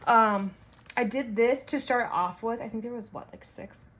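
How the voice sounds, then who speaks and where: A woman who makes and sells wax melts, reviewing scents in a chatty, rambling way full of fillers and bubbly excitement. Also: a little high, moderate pace, a little hiss or hum. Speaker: wax melt maker and shop owner.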